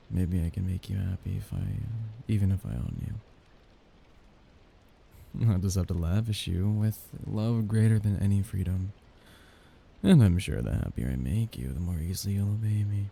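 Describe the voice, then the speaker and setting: A heavily acted performance: a man with a low voice plays a possessive, doting young mafia heir in intimate ASMR romance roleplay. Soft-spoken and halting, with breathy chuckles, he sounds possessive and devoted, over a little hiss or hum.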